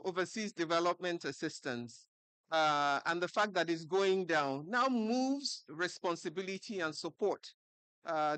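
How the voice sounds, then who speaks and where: Woman, smooth chatty speech. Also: on the low side, a bit bright, no echo. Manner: conversational, many fillers. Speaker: president of a health federation. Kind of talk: goodwill speech.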